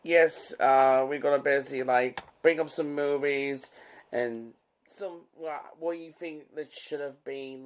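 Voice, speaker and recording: A male podcast host chatting casually at a middle pitch. He rambles and gets excited, slipping into slang and stumbling over restarts as he goes. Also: clear, resonant tone.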